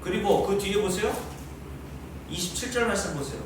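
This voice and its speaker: A man preaching a sermon as pastor, lively and teasing his congregation with questions. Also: sits high, moderate pace, noisy background. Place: large church hall. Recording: very echoey hall, mic far off.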